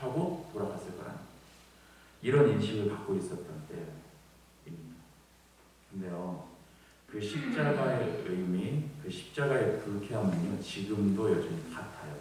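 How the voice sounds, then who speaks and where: A man's voice: on the low side, mellow, distant mic, slight background noise. Male pastor, conversational sermon delivery with questions to the congregation, very echoey hall, mic set back. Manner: conversational preaching, asks the congregation questions, acts out voices. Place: church sanctuary.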